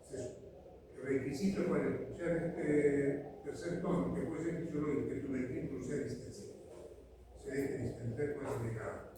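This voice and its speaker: Echoey lecturer asking rhetorical questions. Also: male voice, medium pitch, fairly even intonation, moderate pace. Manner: explains step by step with rhetorical questions and ¿sí? checks. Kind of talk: university lecture. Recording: echoey hall from far off, noisy.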